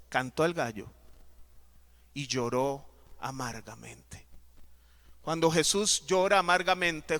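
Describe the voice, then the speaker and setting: High, bright-voiced pastor preaching. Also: male voice, smooth. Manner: emphatic, dramatic preaching that swings between loud and soft. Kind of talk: sermon.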